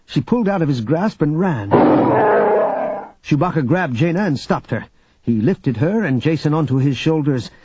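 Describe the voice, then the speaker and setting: A man narrating an audiobook in scripted narration, with even, measured storytelling. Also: on the high side, husky, dry recording. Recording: dull audio with faint background music.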